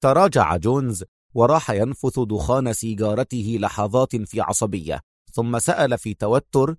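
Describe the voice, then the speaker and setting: A man narrating a crime thriller audiobook in a steady, measured storytelling voice. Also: mid-range voice, no echo, clean studio sound.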